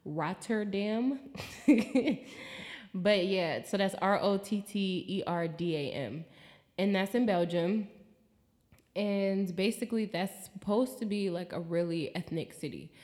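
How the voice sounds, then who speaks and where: An American woman chatting casually in a travel vlog, expressive and swearing freely, acting out her own quotes. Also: medium pitch, measured pace. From United States. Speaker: vlogger.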